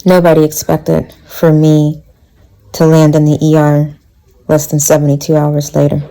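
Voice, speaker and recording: A woman's voice: low voice, completely flat delivery, moderate pace, mellow, rough recording. A woman giving a wry, casual vlog narration.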